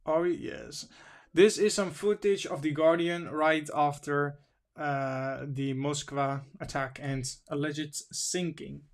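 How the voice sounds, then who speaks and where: A man's voice: on the high side, fairly even intonation, slow pace. A man hosting a casual livestream, reading news and chat aloud in a wandering, informal way, sniffly from allergies. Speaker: stream host.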